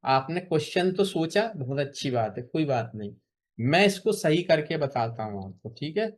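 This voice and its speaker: A man tutoring beginners in spoken English over a video call, patient and encouraging, repeating example phrases slowly. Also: fairly high pitch, expressive. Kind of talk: online spoken English lesson.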